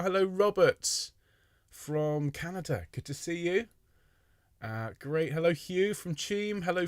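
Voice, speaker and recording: Man, online choir leader, chatty, jokey, average pitch, dry home mic. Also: no room sound. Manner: friendly, jokey, greets people by name. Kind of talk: chatty welcome to a live online rehearsal.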